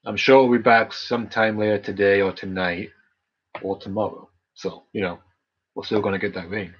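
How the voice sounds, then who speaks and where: A man's voice: fairly low pitch, flat delivery, normal speed, husky, dull audio. A man hosting his channel's Q&A stream, rambling casually with lots of fillers and restarts. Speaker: channel host. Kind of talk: casual live Q&A chat.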